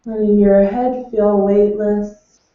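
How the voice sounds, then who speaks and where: A woman leading a guided meditation, speaking in slow, soothing, unhurried instructions from far off in an echoing room. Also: medium pitch, steady tone. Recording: distant, echoey and dull.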